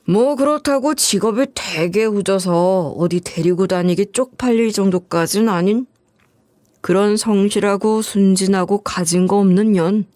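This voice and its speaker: A woman's voice: medium pitch, unhurried, a little mellow, no room sound, studio quality, voice pushed down, lightly acted. A woman voicing a greedy, scornful middle-aged ex-husband who wheedles and sneers in coarse speech. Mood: sneering.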